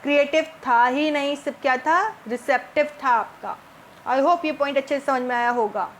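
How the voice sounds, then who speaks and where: A woman's voice: high-pitched, a little hiss or hum. A woman teacher, explaining multiple-choice exam questions and asking her students rhetorical questions as she goes. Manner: reads English options slowly, then explains in Hindi with rhetorical questions. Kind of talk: exam-prep lesson walking through multiple-choice questions.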